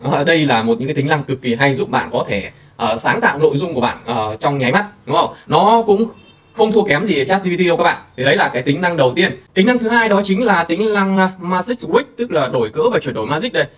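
Chatty man walking through software. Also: on the high side, expressive, quick pace, far from the mic. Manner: chatty, filler-heavy, addresses viewers directly. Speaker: tutorial host. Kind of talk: screen-recorded software tutorial.

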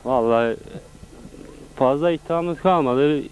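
A man's voice: fairly high pitch, slow, darkish tone, a little hiss or hum, poor audio. A man giving short answers as an amateur footballer in a pre-match interview.

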